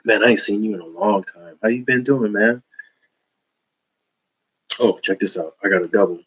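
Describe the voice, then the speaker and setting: In this loose haul video, a man sits on the low side of the pitch range, speaking at a moderate pace with a slightly bright, breathy quality. He's a comic book collector chatting about his finds in a relaxed, slangy way full of fillers, captured on a low-quality recording.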